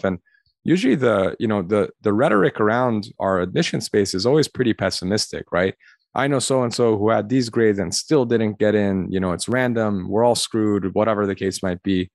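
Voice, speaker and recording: Earnest deep-voiced man. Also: no echo, clean studio sound. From Los Angeles, USA. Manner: earnest, reflective, many "you know" fillers. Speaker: podcast guest, admissions consultant. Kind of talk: conversational interview answer.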